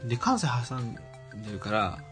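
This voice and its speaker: A man's voice: medium pitch, big pitch swings, brisk, music in the background. A man co-hosting a casual podcast chat, reading listener messages and laughing along. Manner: chatty, laughs along, soft asides. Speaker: podcast co-host.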